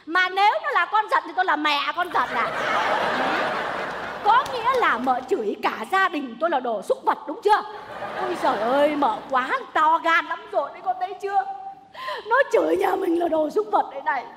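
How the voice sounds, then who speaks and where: Domineering old mother-in-law, very high and bright, stage reverb; loud and theatrical. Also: lively intonation, normal speed, background noise. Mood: outraged. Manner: shrill, theatrical scolding and wailing. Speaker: stage comedy actress. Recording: stage recording with long hall reverb.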